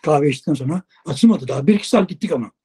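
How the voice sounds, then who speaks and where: A man, a long-haul truck driver, telling a lively casual story in an interview, acting out dialogue and swearing casually. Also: a little high, rapid-fire, husky. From Turkey.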